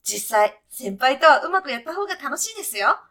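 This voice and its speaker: In a comedy radio play, a woman acts the part of a brash, breezy heavenly guide. Her high, bright voice swings lively in pitch, and her lines come out punchy, clipped, brisk and heavily acted, peppered with casual jock-style slang in an upbeat, brash mood.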